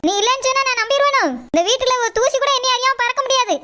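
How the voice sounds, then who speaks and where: A woman playing a shrill scolding sister-in-law. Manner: scolding, sharp and fast. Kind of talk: amateur family drama acting.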